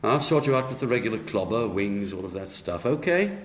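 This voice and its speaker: In a roomy echo, a low-voiced chief angel who talks like a senior bureaucrat. He is formal, measured and evasive, in radio drama style with faint noise behind. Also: big pitch swings. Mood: officious. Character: Angel Gabriel, officious, evasive head of the angels.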